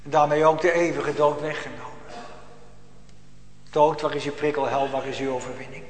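A man preaching a sermon in a church, swinging from hushed tones to loud, emphatic lines. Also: fairly high pitch, steady tone, normal speed. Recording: echoey church hall.

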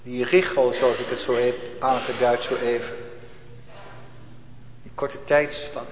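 A man preaching a sermon, swinging from loud pleading cries to hushed near-whispers and drawing out stressed phrases slowly. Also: mid-range voice, flat delivery, background noise. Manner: slow, drawn-out stressed phrases. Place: church. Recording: echoey church hall with long reverb.

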